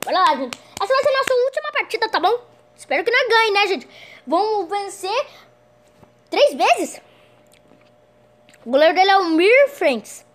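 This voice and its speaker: Very high, excitable young gamer girl. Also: normal speed, pauses often. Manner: excitable, shrieks at goals, keeps saying "gente". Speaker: gameplay commentator. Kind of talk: excited gameplay commentary.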